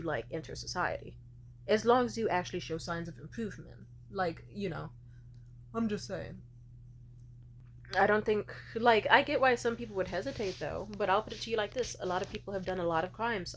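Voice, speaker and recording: A woman's voice: medium pitch, a little hiss or hum. A hungover woman vlogger rambling through her opinions casually, with blunt, profane and digressive delivery.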